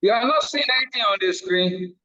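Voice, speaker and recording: A man's voice: high-pitched, lively intonation, fairly quick, bright, forceful tone, dull audio. A man lecturing over a video call whose audio breaks up on a bad connection; he keeps checking that listeners can follow. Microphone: computer or phone mic on a video call.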